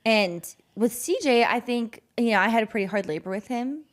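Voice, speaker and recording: A woman's voice: fairly high pitch, fairly quick. A woman in her thirties co-hosting a podcast, chatting candidly and laughing as she shares her own story. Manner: candid, laughing, talks through personal story. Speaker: podcast co-host. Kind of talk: casual chat.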